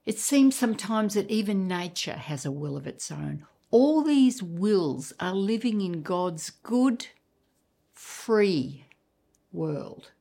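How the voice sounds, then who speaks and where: A woman preacher delivering a sermon, emphatic, with dramatic pauses and repeated words. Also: mid-range voice, lively intonation, vocal fry, warm tone.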